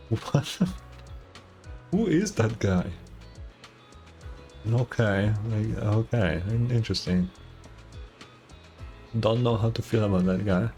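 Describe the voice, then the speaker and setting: A gaming streamer with a lowish, darkish voice offers casual, reactive commentary on a game playthrough. He swears at times and reads dialogue aloud.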